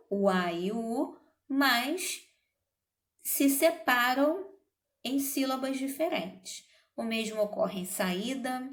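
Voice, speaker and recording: A woman teaching a grammar lesson, speaking deliberately and checking in with her students as she explains. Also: a little high, reverberant. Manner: slow, deliberate, checks in with "certo?" and "ok?". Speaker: Portuguese teacher.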